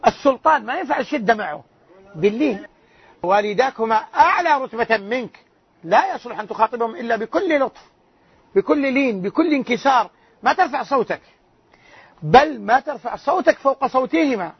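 A loud-voiced man teaching a religious lesson as a sheikh, quizzing his listeners with rhetorical questions. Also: very high voice, expressive, a little fast, husky, no room sound. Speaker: sheikh teaching a hadith class. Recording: dull lo-fi lecture recording.

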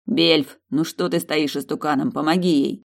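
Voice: mid-range voice, steady tone, moderate pace, creaky. A reader voicing a stern vampire man who gives firm orders and curses under pressure. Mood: strained command.

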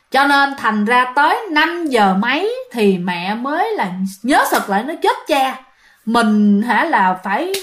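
A woman's voice: high voice, a bit bright. Chatty woman storyteller. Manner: chatty, addresses listeners directly. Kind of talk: casual ghost story telling.

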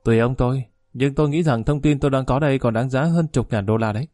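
A man's voice: medium pitch, fast, dark tone, no room sound, clean studio sound, natural voice. A man voicing a shrewd, bullying middle-aged male security chief who talks bluntly and gives orders. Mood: scheming.

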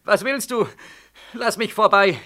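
In a 1940s radio play, a male actor with a high-pitched voice plays a young war veteran who is despairing and haunted. His halting, anguished delivery swings from hushed to frantic, sounding desperate and agitated.

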